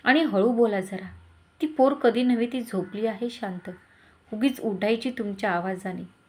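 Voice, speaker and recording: A woman's voice: a little high, unhurried, natural voice. A woman voicing a caring older mother-in-law, speaking in a bossy yet tender way.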